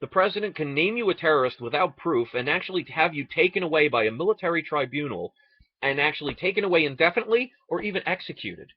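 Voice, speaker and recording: Casting: American male ranter, higher voice with big swings, sarcastic and indignant, dull dry lo-fi recording. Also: very animated, fast, husky, no echo. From United States. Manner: indignant, sarcastic, rhetorical questions. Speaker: online video ranter. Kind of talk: impassioned political rant.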